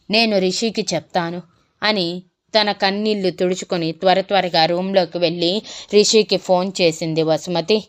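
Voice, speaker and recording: A woman storyteller reading a romantic story in a calm, even way. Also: on the low side, clean tone. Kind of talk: scripted story narration.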